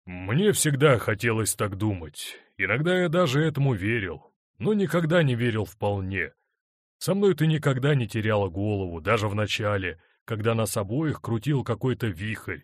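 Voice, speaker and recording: A man's voice: lowish voice, expressive, moderate pace, no room sound, clean studio sound. A man voicing a hurt middle-aged husband who speaks in a bitter, wry, controlled way. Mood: stern.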